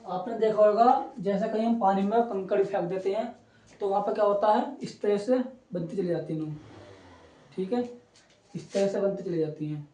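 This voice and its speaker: Young male physics tutor, chatty and reassuring, warm low tone, off-mic in an echoey room. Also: moderate pace, distant mic. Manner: chatty, repeats "ठीक है" and checks on students. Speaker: polytechnic physics teacher. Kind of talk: online coaching lecture. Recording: roomy echo, voice away from the mic.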